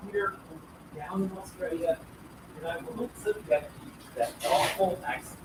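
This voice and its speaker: A man hosting a casual live stream, rambling through upbeat shout-outs to his viewers. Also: sits high, moderate pace. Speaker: livestream host. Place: roadside station, partly outdoors. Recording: roomy, distant, noisy live stream.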